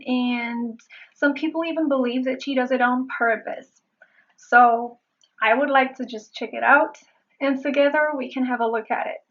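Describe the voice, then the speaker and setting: A woman accent coach giving a pronunciation lesson. She speaks deliberately and repeats words again and again to show how they sound. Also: on the high side, a bit bright, dull audio.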